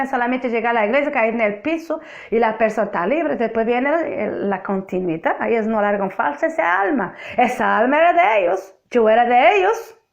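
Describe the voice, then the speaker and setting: A woman's voice: on the high side, vocal fry, highs cut off. Emphatic Portuguese woman preaching in Spanish. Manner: emphatic, repeats phrases for effect. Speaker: preacher giving testimony. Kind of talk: spoken testimony sermon.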